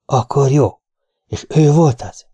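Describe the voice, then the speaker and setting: A man's voice: medium pitch, dark tone, husky, no echo, pitched above the performer's own voice, lightly acted. A man reading an irritable, nagging client. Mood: irritated. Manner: impatient, nagging. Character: irritable middle-aged male client, suspicious. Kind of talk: audiobook reading.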